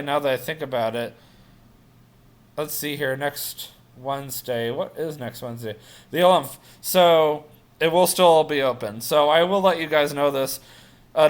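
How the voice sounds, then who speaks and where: A man's voice: on the high side, fairly bright tone, smooth. A man in his late twenties rambling through a casual personal vlog update, full of fillers and self-corrections. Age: 20s. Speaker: vlogger.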